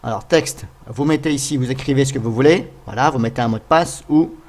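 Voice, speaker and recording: A man narrating a casual software tutorial, thinking aloud as he goes and talking to viewers with frequent hesitant fillers. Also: medium pitch, brisk. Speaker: tutorial host.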